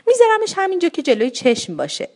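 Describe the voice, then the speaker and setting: A woman voicing a bossy, flustered middle-aged mother who scolds and gives orders in a shrill, commanding voice. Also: huge pitch swings, full character voice.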